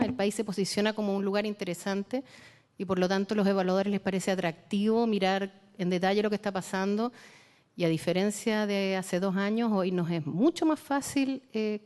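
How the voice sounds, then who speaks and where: A woman who manages public science, speaking in a committee session in a measured way. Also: mid-range voice, a little mellow, in a large hall. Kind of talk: committee discussion.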